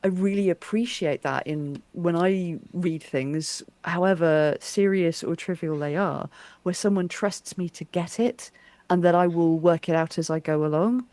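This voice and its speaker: A woman's voice: lowish voice, unhurried, mellow, no room sound. A woman interviewer in a casual conversation, reflecting thoughtfully and restarting her sentences as she thinks.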